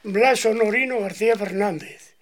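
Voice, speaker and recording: Here a ninety-something bagpiper from Asturias, with a high-pitched voice at normal speed, tells an interviewer meandering stories about his life. It's folksy, rambling oral history, complete with acted-out voices and an Asturian Spanish accent.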